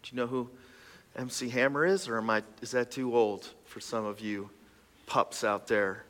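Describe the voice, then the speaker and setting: Bright-voiced man preaching in a reverberant hall. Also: mid-range voice, fairly even intonation, moderate pace. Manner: conversational, joking, with many restarts and sudden loud emphatic passages. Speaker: pastor. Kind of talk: sermon. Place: church auditorium.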